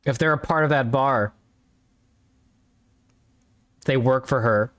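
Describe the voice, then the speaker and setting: A man streams a story game with casual let's-play commentary, his voice medium-pitched, unhurried, and fairly bright. His talk is rambling and offhand, with casual swearing.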